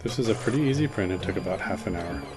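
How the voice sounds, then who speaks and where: Low-voiced man narrating a tutorial over music. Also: lively intonation, fast. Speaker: maker narrating a how-to video. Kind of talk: casual scripted tutorial voice-over.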